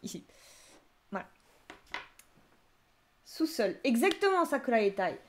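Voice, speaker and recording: A young woman with a slightly high voice runs a live-streamed Japanese lesson. She talks in a lively, chatty way, laughing often as she reacts to viewers' answers. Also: unhurried, slight background noise. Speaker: Japanese teacher.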